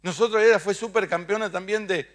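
A middle-aged Argentine man preaching a sermon in church, moving between loud declarations and quiet asides, leading his congregation in call-and-response. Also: high voice, a little fast. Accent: Argentine Spanish. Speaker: pastor.

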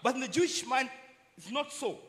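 High-voiced man preaching in short phrases. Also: animated, a bit bright. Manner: short phrases, pausing for interpreter. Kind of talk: sermon. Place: church.

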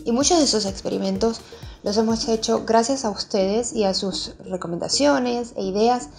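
A woman's voice: fairly high pitch, normal speed, gravelly, a little mellow. A woman hosting a children's channel, narrating a craft tutorial in a friendly way, speaking straight to young viewers. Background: music behind the voice.

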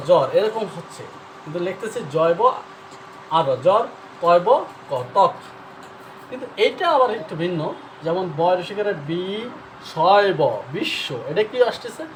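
High-voiced male grammar teacher. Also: lively intonation, normal speed, slight background noise, low-quality recording. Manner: explains step by step, repeating and spelling out letters; asks the viewer questions then answers them. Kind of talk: spelling and pronunciation lesson.

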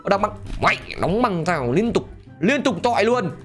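A man giving excitable gameplay commentary, laughing often and talking straight to his viewers. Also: sits high, normal speed, faint music behind. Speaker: gaming channel host.

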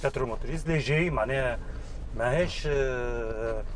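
A man's voice: mid-range voice, normal speed, a little hiss or hum. A man in his thirties with a Tunisian accent, hosting a casual car test drive outdoors and in the car, chatty and slipping French words in. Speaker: car reviewer and host. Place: outdoors in desert, then inside a car. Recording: music playing under the voice.

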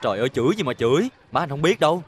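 A man's voice: mid-range voice, sing-song, racing, slight background noise, lightly acted. An actor playing a lovestruck, spoiled young man with a Southern Vietnamese accent, pleading in a boyish way. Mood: eager. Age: young adult.

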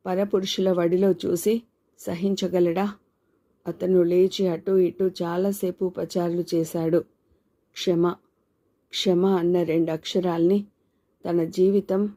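Low, even-voiced woman reading a novel. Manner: measured, even, reflective reading. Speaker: audiobook narrator.

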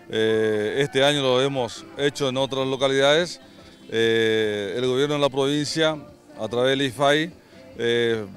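A middle-aged man with a mid-range voice gives halting interview remarks outdoors. He speaks into a handheld mic, with faint music behind him. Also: medium pitch. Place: outdoors by cattle pens. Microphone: handheld reporter microphone.

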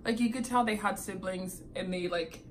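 A woman's voice: medium pitch, moderate pace, slight background noise. A woman in her twenties, a nursing student, chatting casually as a guest and giggling often. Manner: chatty, giggly, filler-heavy. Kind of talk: casual chat.

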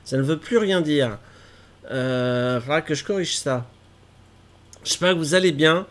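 A man in his thirties with a fairly high, fairly bright voice talks unhurriedly to his live-stream viewers from a gaming chair in a small room at home. Stuffy with a cold, he chats and pokes fun at himself while fussing over tech trouble and gaming.

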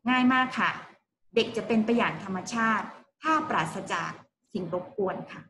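A woman teaching English to young children in an online class, talking slowly and repeating words for them to copy. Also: medium pitch, fairly bright tone, reverberant, a little hiss or hum, low-quality recording. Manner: slow, patient, repeats words for kids to copy. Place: home room over a video call. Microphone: video call mic.

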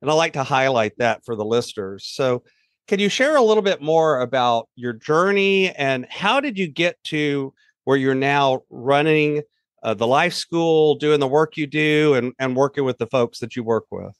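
A man hosting a podcast, reading a scripted intro and asking interview questions in an earnest, measured way. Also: medium pitch, animated, no echo, studio quality. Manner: earnest, measured announcer delivery. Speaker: podcast host.

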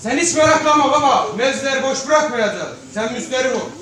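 A man playing a fervent young soldier son in a patriotic stage drama, declaiming eagerly in a shouted voice. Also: very high voice, expressive, fairly quick, full character voice. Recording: echoey noisy hall from far off.

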